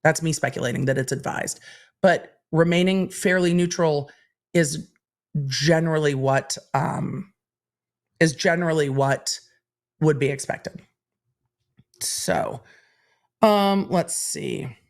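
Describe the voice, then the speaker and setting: She has a deep voice and talks slowly, with long pauses. As a legal commentary livestream host, she reads out questions from viewers and responds candidly, in a steady, explaining tone.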